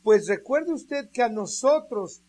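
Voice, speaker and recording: Speaking slowly and emphatically, a radio preacher stretches his words out at a middle pitch, with lively intonation and a slightly mellow sound. He keeps posing rhetorical questions and appealing straight to his audience.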